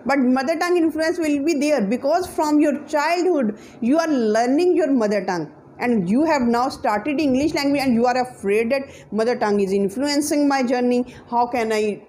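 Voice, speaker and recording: Seated on a sofa indoors, a young adult English teacher with a Pakistani accent and Punjabi as her native language speaks to camera, earnest and emphatic, gesturing a lot with her hands in a motivational talk. She has a high, slightly mellow voice at normal speed. The audio is poor, with slight background noise.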